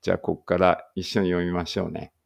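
A man's voice: low-pitched, level tone, quick pace, creaky. A man reading a study text aloud in a casual study-along and thinking aloud in muttered asides. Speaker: language teacher reading aloud.

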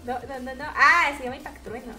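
A young woman with a Mexican accent talks through her game in a casual, chatty way, with a high and very bright voice. She often breaks into shrill, yelling outbursts. Faint music plays underneath her. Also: steady tone, a little fast. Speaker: gaming streamer. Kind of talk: casual gameplay commentary.

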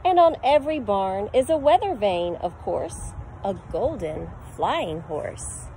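This middle-aged preschool teacher speaks in a mid-range, dark-toned voice, animated but slow, as she reads a picture book to kids in a sing-song way with the odd animal noise. The recording comes from a phone camera at arm's length on a backyard deck outdoors. The audio is poor, with slight background noise.

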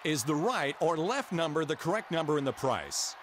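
With clear game sounds behind him, a man acts as an upbeat game show host who emphatically guides a contestant using scripted directions and exclamations. He speaks at a moderate pace in a slightly high, sing-song voice.

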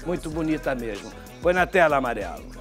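An older man with a Brazilian Portuguese accent giving chatty studio TV commentary, with wry asides and drawn-out sign-offs. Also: fairly high pitch, big pitch swings, loud music behind the voice. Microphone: lapel mic.

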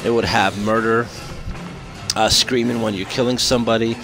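A man giving casual gameplay commentary and channel updates as a streamer, in a loose, halting, informal way. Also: on the low side, fairly even intonation, music in the background. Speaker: game streamer and video creator. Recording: clearly noisy game audio behind voice. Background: video game ambience and noise.

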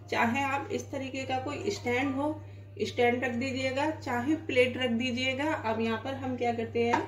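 A woman hosting a home cooking demonstration, explaining each step plainly as she works in her kitchen. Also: fairly high pitch. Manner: explains plainly while cooking, with frequent "dekhiye". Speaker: cooking channel host.

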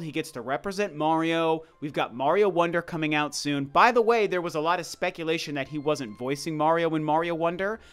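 Over gameplay footage, a video commentator voices casual opinions, talking conversationally yet emphatically and circling back to drive his points home. His voice is slightly high, with a clean, fairly bright tone.

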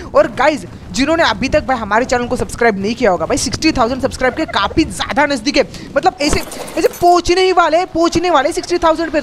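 A man with commentates his game in an excitable, slangy rush, often repeating himself. His voice sits unusually high and is hoarse from a strained throat. A faint hum of ambience sits behind him. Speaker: gaming YouTuber host. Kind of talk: live gameplay commentary.

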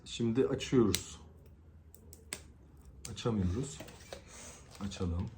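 A man's voice: fairly low pitch, slow. A man chatting casually in a home taste-test vlog, asking lots of short questions. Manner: asks many short questions. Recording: faint background noise.

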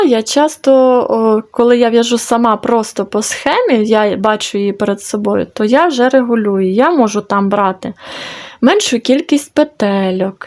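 A woman's voice: a little high, a little mellow. A woman hosting a knitting channel, casually chatting and thinking aloud with many fillers as she shows her crochet work. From Ukraine. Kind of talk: casual crafting video report.

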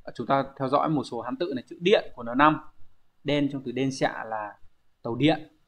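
A man's voice: mid-range voice, moderate pace. A man teaching a recorded online lesson, counting out strokes one by one and asking his students questions he then answers himself. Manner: methodical, counts out strokes, asks rhetorical questions. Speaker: language teacher.

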